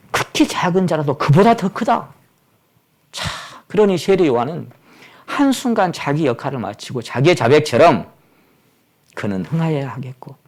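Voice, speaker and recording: A male pastor preaching a sermon dramatically, swinging from loud exclamations down to near-whispers. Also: a little high.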